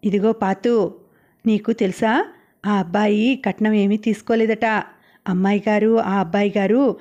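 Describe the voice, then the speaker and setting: A woman's voice: mid-range voice, steady tone, unhurried, mellow, dull audio, lightly acted. A woman voicing a chatty young village woman who gossips in a confiding way, close to her own reading voice. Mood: gossipy.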